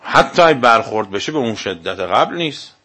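Male cleric lecturing a congregation; medium pitch, combative, leans on rhetorical questions. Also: very animated, bright, forceful tone. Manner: argumentative, fires rhetorical questions. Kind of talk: religious lecture to a live audience.

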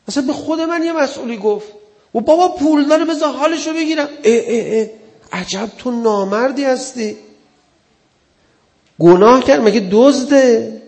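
A man's voice: high-pitched, creaky, darkish tone, big-room sound. A man giving an earnest religious sermon in a conversational way, acting out the people he quotes. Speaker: preacher.

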